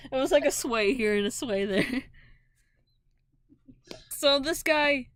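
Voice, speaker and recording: A woman's voice: high-pitched, slow, no echo, studio quality. Giggly young woman running a tabletop game. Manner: giggly, animated storytelling. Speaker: game master.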